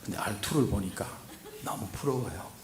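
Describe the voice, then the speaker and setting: A man preaching at a revival, telling a story and then exhorting, moving from hushed recounting to loud urging. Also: fairly low pitch, expressive, unhurried, a crowd in the background. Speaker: guest preacher. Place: church sanctuary. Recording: echoey church hall.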